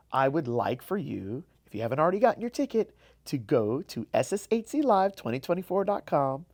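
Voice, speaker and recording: A man hosts his own motivational podcast, speaking alone in a room. He talks with energy and emphasis, drives points home by repeating phrases, and keeps an even, mid-range pitch. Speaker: podcast host. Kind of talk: solo motivational podcast talk.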